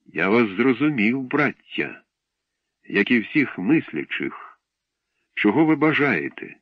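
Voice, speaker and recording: Male narrator as a cheerful, lovestruck alien man. Lifted pitch, buoyant. Dull, dry audiobook sound. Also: very animated, slow pace, breathy edge, dry recording, exaggerated voice. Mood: elated. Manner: elated, warm greetings. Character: joyful alien man, friendly, in love.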